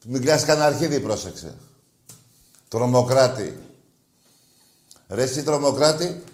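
A man's voice: medium pitch, expressive, darkish tone, echoey room. A man hosting a radio call-in show, teasing and mocking his callers in crude, casual banter.

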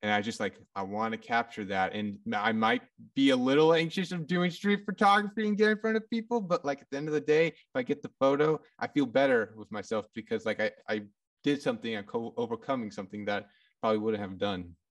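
Hombre casual, algo lejos del micrófono. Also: male voice, medium pitch, distant mic. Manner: casual, halting, full of fillers. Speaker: photographer. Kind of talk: casual podcast chat.

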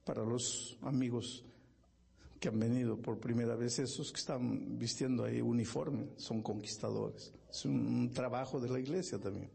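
A man's voice: steady tone, normal speed, gravelly, husky. A male pastor preaching a sermon, telling a story with impassioned, building emphasis in a church. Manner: impassioned, building to loud high-pitched emphasis.

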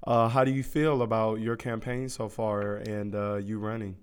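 A man's voice: on the low side, level tone, moderate pace, clear, resonant tone. A young American man hosting a casual interview, encouraging and slangy in the way he talks. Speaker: interviewer, campus radio host. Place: radio studio.

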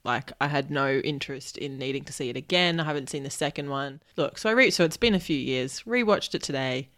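A woman's voice: a bass voice, brisk, fairly bright tone. A woman co-hosting a casual film podcast, chatty and teasing, with lots of "like" and "um". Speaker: podcast co-host. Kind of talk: casual chat.

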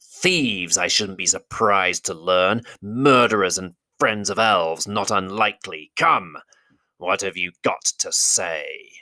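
A man voicing a slow, menacing goblin king. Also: low voice, bright, forceful tone, no echo, exaggerated voice. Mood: sneering. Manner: slow, menacing, drawn-out delivery with hissed asides. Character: huge cruel male goblin king. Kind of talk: audiobook character voice.

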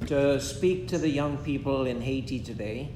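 Older man preaching, echoey. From Guyana. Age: 70s. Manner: measured, pausing after each phrase. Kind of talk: sermon delivered in short phrases for an interpreter. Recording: echoey room with a faint rumble.

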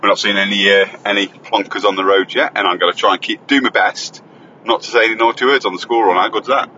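A man's voice: fairly low pitch, fairly even intonation, quick pace, sharp tone, muffled recording, slight background noise. A man chatting and joking as he hosts his own school-run recording from the car, teasing and bantering. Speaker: host and father on the school run. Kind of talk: casual chat while driving. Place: inside a car on the road. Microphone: phone voice recorder.

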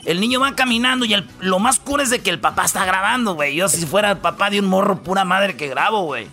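A Mexican man hosting a radio show, with a very high, bright and piercing voice. He tells stories in a rowdy, joking way, full of slang, and keeps putting on voices. Faint music plays behind him. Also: quick pace. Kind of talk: comedic radio banter.

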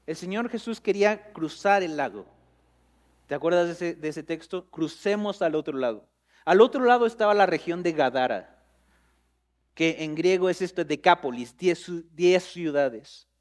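A man preaching a sermon as pastor, talking straight to his listeners in a conversational way and building up to loud, emphatic peaks. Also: fairly high pitch, animated, normal speed.

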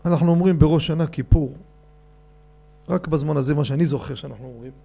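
High, gravelly-voiced man preaching. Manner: animated, addresses the audience directly. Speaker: rabbi giving a lecture. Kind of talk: storytelling sermon.

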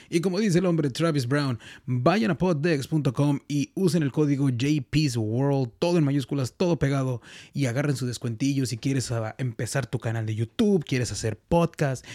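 A man's voice: mid-range voice, darkish tone. A man hosting a podcast, casually breaking down a movie trailer in a playful, rambling way. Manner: chatty, playful, rambling with repetitions. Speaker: podcast host.

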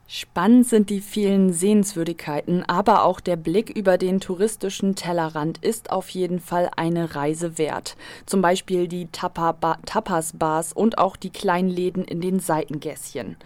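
A young woman presenting on student radio, calm and measured as she introduces a report. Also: lowish voice, no echo. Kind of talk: radio moderation. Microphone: studio microphone.

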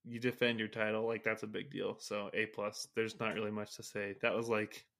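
A man with a fairly low voice co-hosts a laid-back sports talk show. He rambles easily, leans on "like", and often trails off and restarts mid-thought. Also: little pitch movement, fairly quick, vocal fry, a bit bright. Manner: loose and chatty, frequent "like" and trailing restarts. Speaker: co-host. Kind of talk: casual sports chat.

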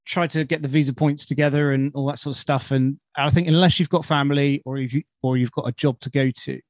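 A man's voice: medium pitch, fairly even intonation, fast, no echo. A British man hosting a podcast in an informal, enthusiastic, chatty way. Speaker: podcast host. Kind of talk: casual chat.

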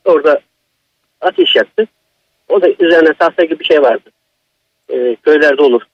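A man's voice: a little high, expressive, normal speed, highs cut off. A man calling in to tell a personal horror story, in an agitated, emphatic manner. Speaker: caller.

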